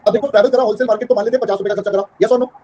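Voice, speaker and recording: A man's voice: high-pitched, steady tone, racing, dark tone, muffled recording, slight background noise. A man teaching an online class in a mix of Hindi and English. He keeps checking that the students understand and calls them "beta".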